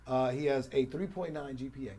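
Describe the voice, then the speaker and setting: This interview guest, a middle-aged American radio program director and morning host, speaks at medium pitch with a steady, warm tone and a fairly quick pace. A little hiss or hum sits under his polished, emphatic storytelling, where he repeats phrases for effect.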